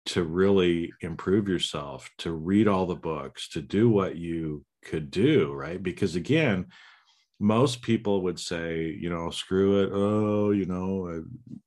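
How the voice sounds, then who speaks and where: The deep, darkish voice of a middle-aged American man comes at a slow pace as he hosts a podcast interview. His casual chat is rambling, marked by frequent restarts and "right?" tag questions.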